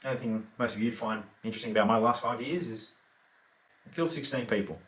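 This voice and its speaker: A man's voice: medium pitch, fast talker, fairly bright tone, far from the mic, lightly acted. An Australian actor performing a monologue as a remorseless, lazy male killer, talking in an offhand, laconic way full of fillers. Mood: offhand calm. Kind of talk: theatrical monologue. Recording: roomy echo.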